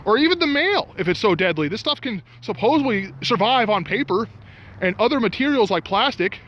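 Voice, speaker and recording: A man's voice: sits high, expressive, fairly quick, fairly bright tone. A man ranting in a casual vlog, getting worked up and angry, recorded outdoors at night by some restaurants. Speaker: vlogger.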